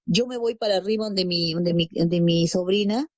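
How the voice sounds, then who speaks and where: On a muffled recording with no room sound, a Peruvian woman speaks in a fairly low, slightly mellow voice at a moderate pace. She's an adult parent sharing her faith testimony as a guest, storytelling, acting out dialogue and repeating phrases.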